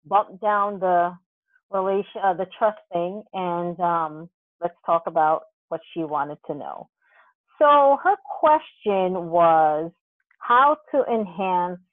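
A woman's voice: medium pitch, no echo. A woman co-hosting a podcast as a sex coach, talking casually and thinking aloud with many fillers. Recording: thin phone-like sound.

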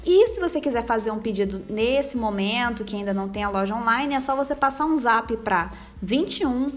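A woman hosting a casual podcast, chatty and playful, with quick asides and a sponsor read. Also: high voice, fairly bright tone. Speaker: podcast host.

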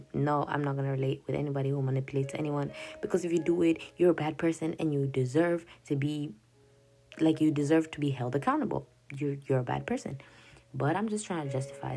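In a deep, creaky, dark voice with a breathy edge, a young woman who grew up speaking Swahili hosts a laid-back podcast. She wanders through her journal notes, breaking off mid-thought, laughing often and saying "yada yada," over faint background music.

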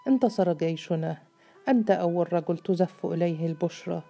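A woman voicing a scheming male governor in a storybook, teasing and smooth. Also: fairly low pitch, a little fast, mellow, soft background music. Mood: coaxing.

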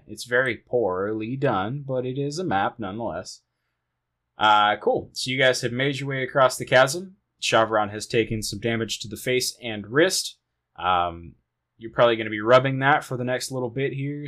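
A man's voice: mid-range voice, a bit bright. A man narrating a tabletop game as game master, laid-back and swearing freely.

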